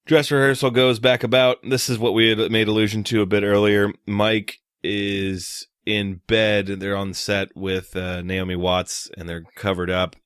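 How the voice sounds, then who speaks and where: A young adult man co-hosting a podcast, recapping movie scenes in a relaxed, joking way. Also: lowish voice, unhurried, hardly any pauses, clean tone, dry recording, clean studio sound. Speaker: podcast co-host. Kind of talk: casual film discussion.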